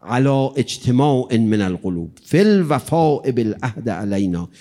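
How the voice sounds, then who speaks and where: A man preaching a mourning sermon in an impassioned way, swinging from hushed passages to loud ones. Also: medium pitch, big pitch swings.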